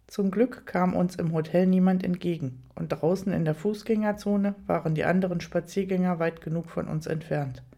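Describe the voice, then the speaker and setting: A woman narrating a first-person audiobook story at an even storytelling pace, with light, amused touches. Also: fairly low pitch, moderate pace, vocal fry, hardly any pauses.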